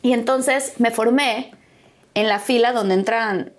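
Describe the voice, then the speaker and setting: A woman's voice: on the high side, slow. A Mexican woman with a Mexican accent, an actress telling stories from her life in a casual interview and acting out the dialogue. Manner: animated, acts out quoted dialogue.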